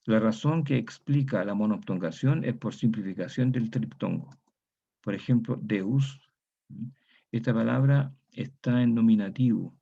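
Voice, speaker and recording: Latin American Spanish male lecturer, lowish gravelly voice, patient and methodical, dull lo-fi recording. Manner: methodical, repeats example words slowly, asks "¿cierto?". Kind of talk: university lecture on historical grammar.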